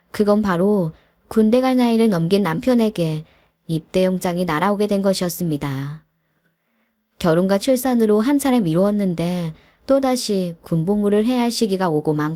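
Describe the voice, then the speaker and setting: Woman reading a first-person story, calm and confiding, dry close sound. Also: mid-range voice, dry recording.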